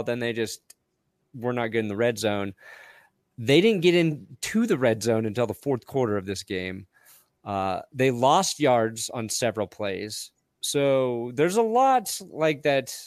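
A man co-hosting a casual post-game sports stream, talking in a relaxed, rambling way with many fillers. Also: mid-range voice, no echo, studio quality. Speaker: podcast co-host.

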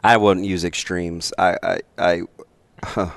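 A man's voice: low voice, takes it slowly, creaky. A man in his late forties co-hosting a sports talk show, joking around and laughing often. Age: 40s. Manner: animated, jokey, laughs often. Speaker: sports radio co-host. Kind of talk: casual sports talk banter.

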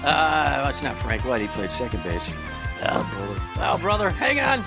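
A man's voice: medium pitch, wildly swooping pitch, moderate pace, vocal fry, over music. A man hosting a sports podcast, chatting casually in a joking, rambling way.

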